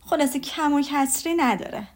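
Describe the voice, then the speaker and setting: A woman's voice: sits high, natural voice. A woman reading aloud voices a witty, confident young woman with a teasing manner.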